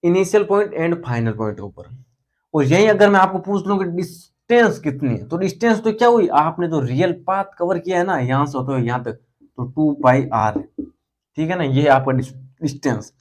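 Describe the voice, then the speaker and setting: A man's voice: a little high, expressive, normal speed. A young man teaching physics in a casual, chatty lecture style, speaking terms and repeating key words for his students.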